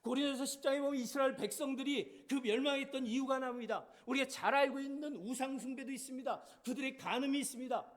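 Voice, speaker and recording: A male pastor preaching a sermon in a strikingly high voice. He presses his points with emphatic delivery and keeps asking rhetorical questions of the congregation. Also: fast, few pauses.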